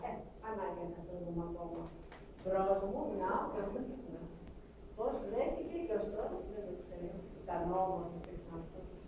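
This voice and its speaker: A woman acting a grieving refugee mother in a theatrical monologue, speaking in halting, lamenting, clipped phrases. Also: fairly low pitch, dark tone, slight background noise, lightly acted. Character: grieving refugee mother recounting her family's persecution. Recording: echoey stage hall, mic far off.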